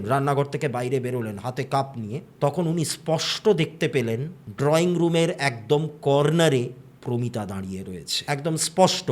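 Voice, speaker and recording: A man tells a ghost story in a loose, chatty way, circling back with fillers as he goes. His voice sits a little higher than most men's. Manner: conversational, with fillers and brief quoted dialogue. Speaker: horror storyteller. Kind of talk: casual spoken storytelling.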